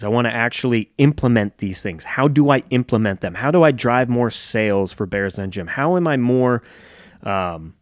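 A man's voice: on the low side, no room sound, clean studio sound. A man hosting a solo podcast, talking candidly and reflectively, joking and swearing now and then. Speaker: podcast host and gym owner. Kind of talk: solo casual podcast monologue.

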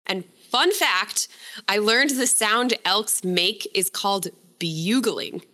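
A woman with a bright, clear voice tells a story in a relaxed podcast chat. She keeps it loose and friendly, breaking off to laugh and fix her own words. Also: medium pitch, slow pace. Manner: chatty, self-correcting, laughs often. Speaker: co-host presenting a story.

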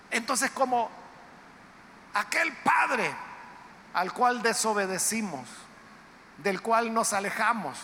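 A man preaching a sermon in a church, emphatic and dramatic, with sudden loud outbursts. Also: extremely high pitch. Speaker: pastor. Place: church sanctuary. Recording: reverberant church hall, faint background noise.

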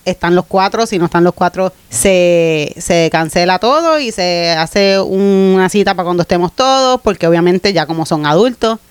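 A woman, talking in a relaxed, chatty way and leaning on emphatic repeats as she tells her stories. Her voice is smooth and resonant, and it is recorded dry and close with no room echo. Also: fairly low pitch, moderate pace, hardly any pauses. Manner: warm storytelling, emphatic repeats. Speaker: podcast co-host, stepmother. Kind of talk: casual chat.

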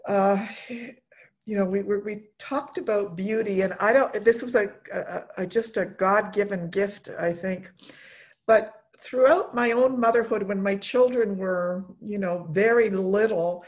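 A middle-aged woman hosting a conversational talk, speaking haltingly and repeating words and phrases for emphasis. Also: mid-range voice. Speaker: host of a mothers' prayer group talk. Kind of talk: warm conversational talk with closing reflections.

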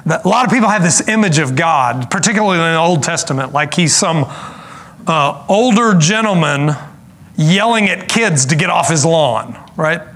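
A man preaching a sermon in an earnest, explanatory way, slowing down for emphasis and dropping in casual asides. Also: a little high, animated, fairly bright tone. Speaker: pastor.

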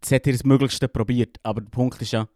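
A man's voice: medium pitch, fairly even intonation, fast, dark tone, dry recording, studio quality. A man with a Swiss German accent, co-hosting a casual podcast chat and telling rambling stories, often laughing. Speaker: podcast co-host.

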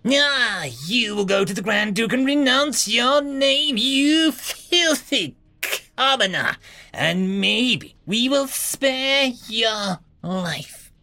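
A man voicing an arrogant, entitled male noble creature who sneers and shouts his words out slowly. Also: high-pitched, animated, voice pushed up, heavily acted. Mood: raging.

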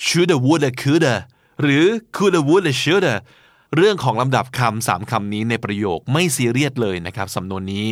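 A middle-aged man hosting a podcast, gently and patiently explaining a language lesson in a reflective, conversational way. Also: fairly low pitch, lively intonation, fast, few pauses, dry recording, studio quality. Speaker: podcast host and English teacher.

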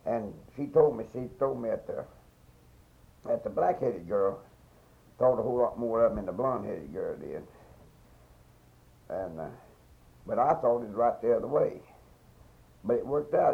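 A man's voice: medium pitch, expressive, moderate pace, creaky, long pauses. An elderly man with a Southern Appalachian accent tells stories of the past in a folksy, rambling, repetitive way, as an interviewee in an informal oral history. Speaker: interviewee recalling local past. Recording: dull, muffled field recording.

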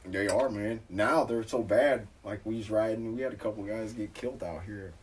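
A man telling a story in casual chat, profane and animated, acting out quotes. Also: lowish voice, normal speed, breathy edge, far from the mic.

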